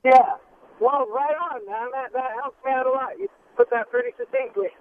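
A man calling in to a radio show, his very high and lively voice coming through a tinny phone line. Faint background noise sits under his casual, relaxed talk. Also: moderate pace. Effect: radio show caller over a phone line. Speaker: caller to a radio call-in show.

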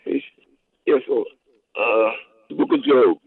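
A man's voice: mid-range voice, huge pitch swings, slow pace, creaky, slightly rough, dry recording. A man calling in over the phone, asking a hesitant question and apologizing as he searches for words. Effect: heard over a phone line. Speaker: caller to a radio show. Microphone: phone handset. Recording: tinny phone line, dry.

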